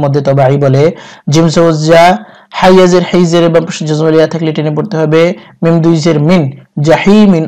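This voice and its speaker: Smooth-voiced man teaching Quran reading. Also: a little high. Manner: steady, methodical, recites drawn-out and melodic. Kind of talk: spelling out letters and vowel marks, then reciting slowly.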